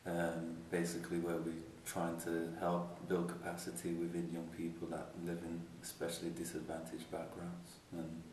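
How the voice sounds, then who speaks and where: A man from Birmingham, founder of a mentoring organisation, speaking in a measured way with frequent hesitations as an interview guest. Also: completely flat delivery, darkish tone. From Birmingham, England. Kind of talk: casual interview. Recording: echoey room, mic far off, faint rumble.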